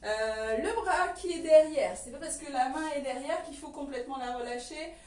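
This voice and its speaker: A woman's voice: high voice, normal speed, a little mellow. A woman teaching an online belly dance lesson, explaining moves and calling out counts as she dances. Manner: counts and calls steps aloud while dancing. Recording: roomy echo, distant from the mic.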